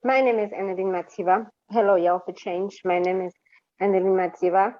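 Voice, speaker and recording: A woman's voice: mid-range voice, fairly even intonation, brisk, dry recording. A woman in her thirties from South Africa, a cheerful interview guest who laughs often. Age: 30s. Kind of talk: interview over a call. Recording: slightly dull sound.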